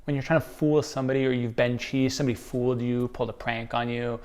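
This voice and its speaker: A man chatting casually and jokily as he thinks out loud in a guessing game, making up playful example sentences. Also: medium pitch, little pitch movement, quick pace, clear, resonant tone. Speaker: contestant guessing slang.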